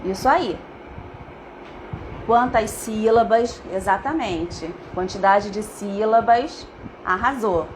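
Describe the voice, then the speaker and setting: A woman's voice: mid-range voice, slow, pauses often, a little hiss or hum, low-quality recording. A middle-aged woman with a Brazilian Portuguese accent, a teacher giving a live online lesson and often checking in with her viewers. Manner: addresses viewers as "gente", checks in with "né?" and "tá?".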